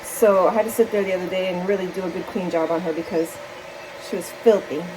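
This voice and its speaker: A woman's voice: lowish voice, fairly even intonation, quick pace, noisy background. A woman hand-feeding a baby bird at home in her kitchen, cooing baby talk to the bird and chatting casually to the camera. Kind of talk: casual home video chat.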